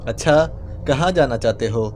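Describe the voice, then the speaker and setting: A man's voice: medium pitch, expressive, darkish tone, a little hiss or hum, natural voice. A man voicing a playful young male spy who talks in a mock-pitiful, whining way. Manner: whiny, mock-pitiful clowning.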